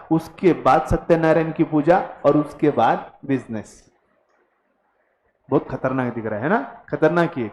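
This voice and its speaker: A man's voice: on the high side, a little mellow, echoey room, low-quality recording. A man teaching a commerce class, mixing Hindi and English and teasing his students. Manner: mixes Hindi and English, drills students to repeat words. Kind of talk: classroom lecture.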